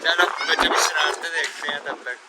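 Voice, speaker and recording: A man's voice: fairly high pitch, steady tone, fast talker. A man casually vlogging outdoors on a rooftop in rain and wind, chatting playfully and calling his viewers guys. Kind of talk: casual vlog talk to viewers. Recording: loud wind and rain noise on a phone mic.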